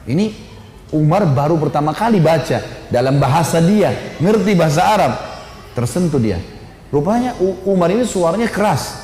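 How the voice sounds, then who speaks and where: Animated man preaching in an echoey hall. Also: fairly high pitch. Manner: animated storyteller who voices the figures in his story; casual, sprinkles his talk with filler tags. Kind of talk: storytelling sermon. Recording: echoey hall with faint ambient noise.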